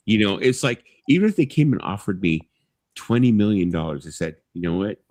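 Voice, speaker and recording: A man's voice: lowish voice, sing-song, a little fast, darkish tone, no room sound. A man in his fifties hosting a live stream, rambling casually, swearing freely and filling his talk with you-knows. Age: 50s. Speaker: livestream host.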